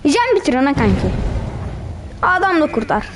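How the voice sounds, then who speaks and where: A woman's voice: high-pitched, very animated, normal speed, noisy background. A woman commenting on her own gameplay, teasing and trash-talking the other players as she goes. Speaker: gamer.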